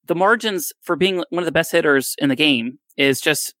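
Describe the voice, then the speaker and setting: A man's voice: a little high, moderate pace, sharp tone, dry recording. A man in his thirties, rambling and self-deprecating as a co-host in a casual fantasy baseball chat. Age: 30s. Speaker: podcast co-host.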